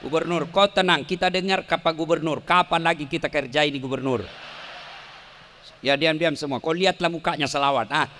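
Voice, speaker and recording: A man, preaching a lively sermon at a public event, joking with and teasing his audience and leading them in chanting. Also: a little high, brisk, slight background noise. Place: large hall with an audience. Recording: long hall reverb.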